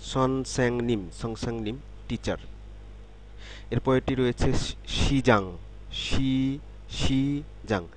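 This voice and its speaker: A man teaching a beginner vocabulary lesson, saying each word slowly several times and then explaining its meaning. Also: mid-range voice. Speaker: language teacher. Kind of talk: slow, repetitive vocabulary lesson.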